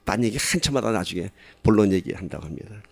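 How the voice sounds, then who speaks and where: A pastor giving a sermon in a conversational way, asking the congregation questions and rising to loud, emphatic stretches. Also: male voice, lowish voice, animated, fast, gravelly, breathy edge, dry recording.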